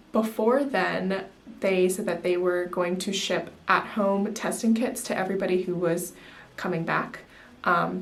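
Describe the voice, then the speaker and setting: Young woman doing a casual student vlog, kinda low voice, rambly explaining w lots of likes and ums. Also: gravelly. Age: early 20s. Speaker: student vlogger. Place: small music practice room, indoors.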